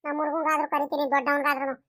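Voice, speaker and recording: A woman's voice: high-pitched, little pitch movement, racing, soft background music. A woman voicing an impatient, fussy old village mother in a cartoon, speaking. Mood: impatient scolding. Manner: scolding, calls out loudly.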